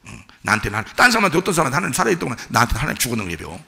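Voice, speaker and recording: A man's voice: high voice, big pitch swings, quick pace, creaky, pushed and bright, voice pushed up, exaggerated voice. A man doing a defeated, mumbling believer. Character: despairing, self-pitying male churchgoer.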